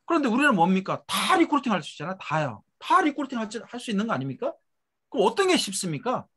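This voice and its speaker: A middle-aged man giving a motivational seminar lecture for a network marketing business, talking emphatically with rhetorical questions and letting tag phrases trail off low and quiet. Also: huge pitch swings, fast talker, husky.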